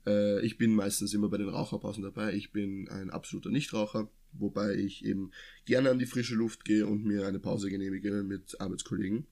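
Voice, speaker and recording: Chatty Austrian man, low voice. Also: level tone, brisk, gravelly, warm tone. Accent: Austrian, from near Vienna. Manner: talkative, rambling with many restarts and fillers. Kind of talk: casual chat.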